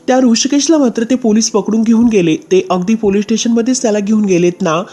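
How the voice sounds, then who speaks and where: Young male accomplice, uneasy, questioning, read by a woman narrator, mellow tone. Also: fairly high pitch, quick pace, close to an everyday voice. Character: lovestruck young man, accomplice.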